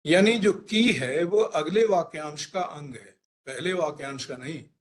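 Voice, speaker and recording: A man, a linguistics expert, explaining pronunciation in a deliberate teaching manner, spelling out and repeating his examples. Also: fairly high pitch. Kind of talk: explanatory career talk.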